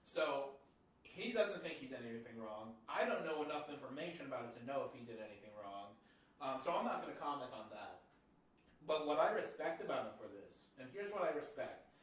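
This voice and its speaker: A man's voice: mid-range voice, big pitch swings, brisk. A man hosting a casual podcast chat, blunt, opinionated and profane. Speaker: podcast host. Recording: echoey room, mic at a distance.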